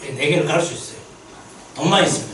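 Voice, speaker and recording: A man's voice: on the high side, quick pace, echoey room, recorded from a distance, noisy background. A man preaching a sermon as a missionary pastor at a mission meeting, telling stories and asking the congregation questions. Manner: lively storytelling, asks the congregation questions. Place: church sanctuary.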